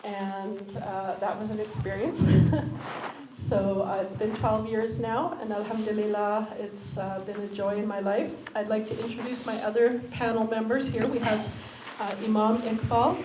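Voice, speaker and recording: A woman's voice: medium pitch, level tone, moderate pace. Hesitant woman moderating in an echoey hall. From Canada. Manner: hesitant, many fillers. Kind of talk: moderating a community panel. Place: community centre hall. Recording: echoey hall with background noise.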